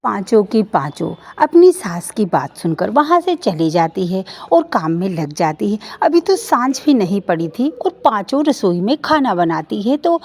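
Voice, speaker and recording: A woman narrating a family story in a steady, plain storytelling manner. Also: mid-range voice, a little slow, hardly any pauses.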